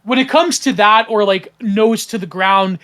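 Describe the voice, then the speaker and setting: High-voiced rambling Canadian man. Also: normal speed, bright, forceful tone. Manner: rambling, many fillers and restarts. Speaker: podcast host. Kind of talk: casual podcast chat.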